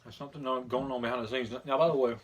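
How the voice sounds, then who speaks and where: A man with a medium-pitched voice hosts in a casual, opinionated way. He talks bluntly and informally, with mild profanity mixed into his chat. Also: fairly even intonation, rapid-fire. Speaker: video host.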